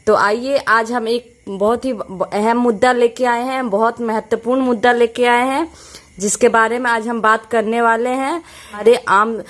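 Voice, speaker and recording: A woman teaching English to Hindi speakers, reading English phrases slowly with an Indian accent and explaining each word with repetition. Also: fairly high pitch. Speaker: English teacher, channel host.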